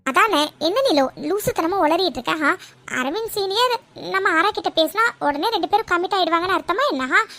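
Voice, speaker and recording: Woman doing a very high sensible girl friend, cartoon college pal, reasoning calmly. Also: fairly quick, full character voice. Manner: reasoning, calming. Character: young college woman, level-headed friend.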